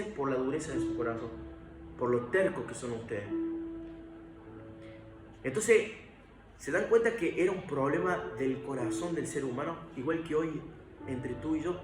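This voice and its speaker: Preacher, male, higher voice, earnest sermon, echoey room, music underneath. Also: recorded from a distance. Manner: earnest, preaching to viewers, emphatic swells.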